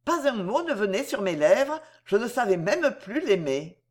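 Expressive woman reading a novel. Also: mid-range voice, normal speed. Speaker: audiobook narrator.

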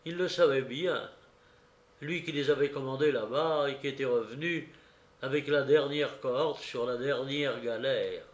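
A man reading a classic novel aloud in a slow, measured narration, lifting his voice for quoted shouts. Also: medium pitch, roomy sound. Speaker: audiobook reader. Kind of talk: literary narration.

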